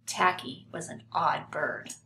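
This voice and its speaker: An older woman reading a children's story aloud with measured, deliberate phrasing. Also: sharp tone. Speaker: storybook reader. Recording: roomy home recording, some hiss.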